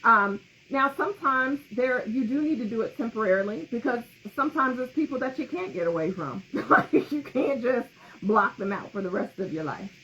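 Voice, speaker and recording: A woman co-hosting a casual podcast conversation, talking in a gentle, instructive way and often laughing. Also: a little high, expressive, moderate pace, a little hiss or hum, low-quality recording. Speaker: podcast co-host.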